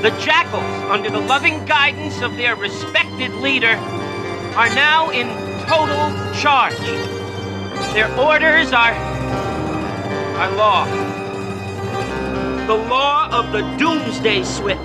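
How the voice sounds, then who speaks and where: A man voicing a cartoon rabbit hero who reluctantly reads out a forced announcement, halting, in a film clip with music behind. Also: very high-pitched. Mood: reluctant, grave.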